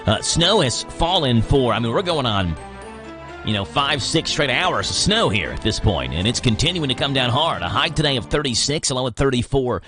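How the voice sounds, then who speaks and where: A man's voice: mid-range voice, big pitch swings, normal speed, music in the background. An American man hosting a live morning radio show, moving between read items and casual chat. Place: radio studio.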